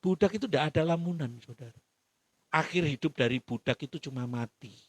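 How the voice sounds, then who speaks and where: East javanese pastor preaching, high bright voice, dry sound. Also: male voice, brisk, dry recording. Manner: animated storytelling, often addresses the congregation. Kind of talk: sermon. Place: church.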